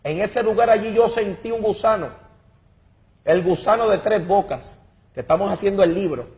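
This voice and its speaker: Giving his religious testimony as a guest, a man speaks with fervor and drama in a voice fairly high for a man, a little mellow, at moderate pace. He leans on certain words and repeats himself while reaching for his next thought.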